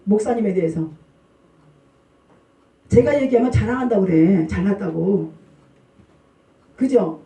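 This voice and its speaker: A middle-aged woman pastor preaching a sermon, questioning the congregation in a lively call-and-response manner. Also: mid-range voice, unhurried, pauses often. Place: church sanctuary. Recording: roomy church hall, distant mic.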